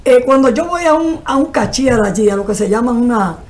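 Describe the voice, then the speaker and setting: Older dominican lady on a tv panel, kinda high voice, earnest, talks in long runs, studio desk mic. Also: animated, a little fast. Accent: Dominican Spanish. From Dominican Republic. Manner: earnest, gesturing, speaks in long explanatory runs. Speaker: guest, cultural manager. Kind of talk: TV panel discussion. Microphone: desk microphone.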